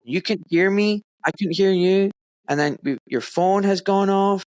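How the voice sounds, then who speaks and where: Here the podcast host's voice is high-pitched, a little mellow, and unhurried. He chats casually and animatedly with his guest over a remote call, laughing and using friendly slang.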